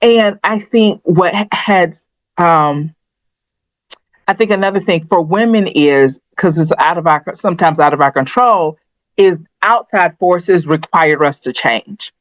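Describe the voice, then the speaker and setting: A woman's voice: on the low side, measured pace, no echo. A middle-aged woman co-hosting a podcast, chatting candidly and personally, thinking aloud with restarts. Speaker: podcast co-host. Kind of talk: candid conversational chat. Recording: dry, slightly dull podcast audio.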